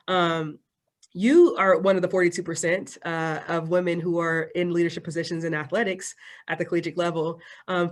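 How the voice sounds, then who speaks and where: Upbeat, talkative woman interview host. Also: fairly low pitch. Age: adult doctoral student. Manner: upbeat, talkative, wordy questions. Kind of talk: interview questions.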